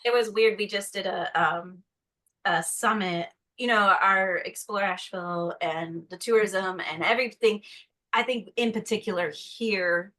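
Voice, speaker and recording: Bright, chatty woman guest. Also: medium pitch, unhurried, poor audio. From North Carolina, USA. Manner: chatty, acts out quotes in a bright put-on voice. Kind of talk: casual conversation.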